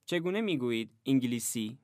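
A man narrating a language lesson, giving measured, even instructions in a scripted way. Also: mid-range voice, no room sound, studio quality.

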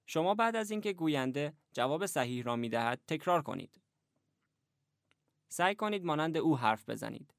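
A man narrating a language lesson, giving measured, even instructions in a scripted way. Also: on the high side, creaky, dry recording, studio quality.

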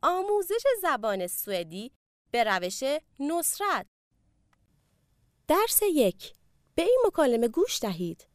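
Lively high-voiced woman teaching a course. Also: pauses often, dry recording, clean studio sound. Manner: clear, instructive, prompting the listener to repeat. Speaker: language course narrator. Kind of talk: scripted lesson narration.

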